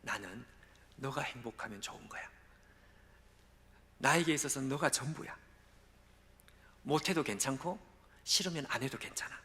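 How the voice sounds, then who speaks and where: A man preaching a sermon voices a gentle, loving God in soft, hushed tones, partly whispered, in a large church hall. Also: mid-range voice, expressive, normal speed, pauses often. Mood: tender. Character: gentle loving God, male, tender and reassuring. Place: church sanctuary during a live dawn service.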